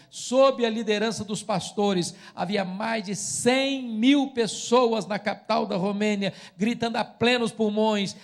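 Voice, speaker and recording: High-pitched Brazilian preacher man. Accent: Brazilian Portuguese. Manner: dramatic preaching, rising to loud chanted cries. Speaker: pastor. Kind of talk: sermon.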